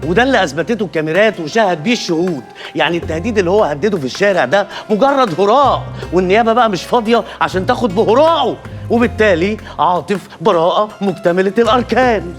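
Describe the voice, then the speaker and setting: A man's voice: high-pitched, animated, rapid-fire. An actor playing a self-important Egyptian lawyer who takes credit for his client's release, in a TV comedy-drama, with a music score behind. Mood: pompous. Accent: Egyptian Arabic. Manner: self-congratulating, pompous.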